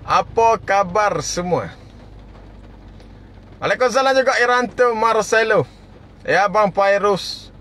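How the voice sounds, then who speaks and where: A man with a raised, high voice hosts a relaxed live stream. He reads out viewer comments, greets people by name and laughs easily between remarks. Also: slow pace, long pauses.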